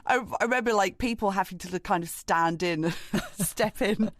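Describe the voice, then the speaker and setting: A woman's voice: medium pitch, normal speed, dry recording, clean studio sound. Chatty British woman on a podcast. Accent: British English. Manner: chatty, laughs often while telling stories. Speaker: podcast co-host. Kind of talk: casual chat.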